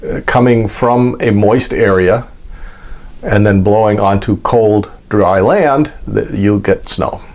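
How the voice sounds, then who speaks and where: An American man giving an informal, unscripted explanation in a halting, folksy way, repeating words as he goes. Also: on the low side, a little mellow. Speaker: host of an explainer vlog.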